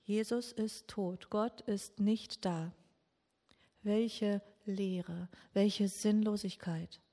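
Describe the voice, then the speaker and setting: A woman preaches a meditative sermon, her speech unhurried and heavy with grief. She asks question after question and leaves long pauses. Her mid-pitched voice carries a long reverb, as if it were recorded in a large church. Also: fairly even intonation, warm tone. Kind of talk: slow meditative Good Friday sermon.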